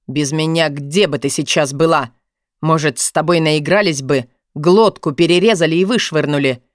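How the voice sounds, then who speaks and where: A woman's voice: low voice, moderate pace, no room sound, clean studio sound, pitched below the performer's own voice, lightly acted. A woman voicing a growling domineering man. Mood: harsh. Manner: growling, mocking, pressing. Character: domineering wealthy man, tense and harsh.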